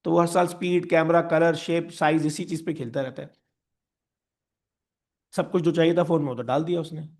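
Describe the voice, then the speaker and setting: A man teaching business in a lively lecture, mixing Hindi with English, repeating key phrases and acting out what companies say. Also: on the high side, normal speed, pauses often. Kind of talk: animated classroom lecture.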